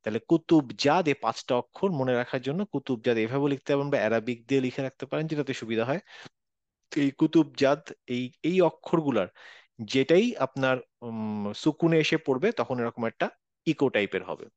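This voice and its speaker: A male recitation teacher in an online class, explaining rules and demonstrating sounds slowly with many repetitions. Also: mid-range voice, a little mellow, no echo. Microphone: video call. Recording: dull, dry online call audio.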